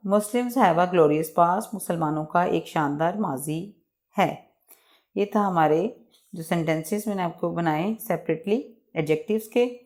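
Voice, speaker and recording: A woman teacher giving a bilingual English lesson, reading out example sentences and spelling out words slowly, one by one. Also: medium pitch, a little mellow. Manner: slow, drawn-out word-by-word pronunciation.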